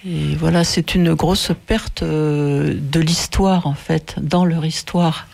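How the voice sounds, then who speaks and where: Gravelly older man, hesitant. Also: fairly high pitch, fairly even intonation, takes it slowly, darkish tone. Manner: hesitant, reflective. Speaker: interviewer. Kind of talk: conversational interview.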